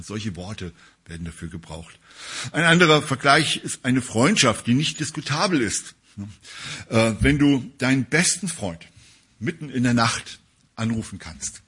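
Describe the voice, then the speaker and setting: A man gives a casual sermon in a rather low, husky voice. He talks to the congregation conversationally and keeps checking in with short tag questions. His speech is loose and hesitant, with frequent pauses. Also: a bit bright. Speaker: preacher. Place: church service.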